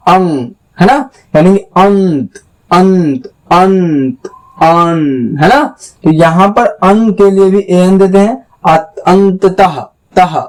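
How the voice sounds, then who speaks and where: A young man leads a lesson on how letters sound. His voice sits high, and he talks slowly, spelling each word out letter by letter and stopping often to check that his students follow. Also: a little mellow, rough recording. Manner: slow, spells words out letter by letter and keeps asking "clear?". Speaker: English teacher.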